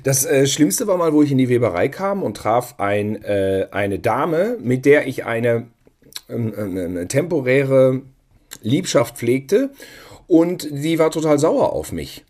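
A man's voice: mid-range voice, big pitch swings, takes it slowly, darkish tone. A man from Germany chatting as a podcast co-host, telling rambling self-mocking anecdotes with hesitant fillers. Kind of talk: casual chat.

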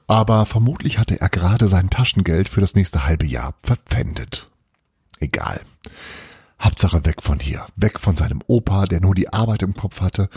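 A man reading a children's story aloud, slow and expressive, with a low, husky voice. The recording is dry and close. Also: dry recording. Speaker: reader.

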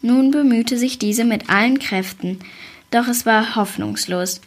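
A woman reading a fairy tale aloud in a calm, even storytelling voice. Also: a little high, measured pace.

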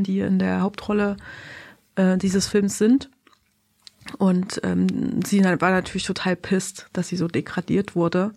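A woman's voice: fairly low pitch, darkish tone, no echo. A woman reviewing a film in casual conversation, thinking aloud and often searching for words with many hesitations.

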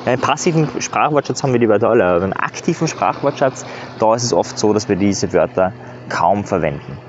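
This self-improvement coach speaks in a fairly low, expressive voice at a quick clip, delivering earnest yet casual advice in a motivational monologue and often tacking on "ja." The recording sounds slightly dull, with a little hiss or hum.

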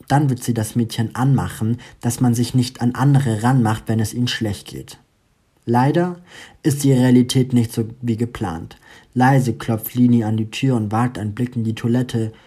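Man, storyteller, expressive reading, mellow dark tone. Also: medium pitch, slightly rough. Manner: expressive narration.

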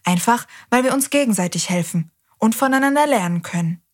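A woman's voice: fairly high pitch, lively intonation, a little fast. A woman hosting a children's show who talks to the kids directly in a cheerful, reassuring way.

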